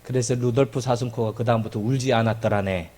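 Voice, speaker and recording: A man's voice: medium pitch, fast. A male pastor preaching a sermon, emphatic and joking, repeating key phrases. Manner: animated and emphatic, with jokes and repetition.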